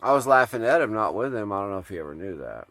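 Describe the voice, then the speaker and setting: A man's voice: lowish voice, very animated, quick pace, fairly bright tone, no echo. A man telling a story in a casual, rambling way, with plenty of swearing. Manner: profane, laid-back, rambling. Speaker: off-grid vlogger.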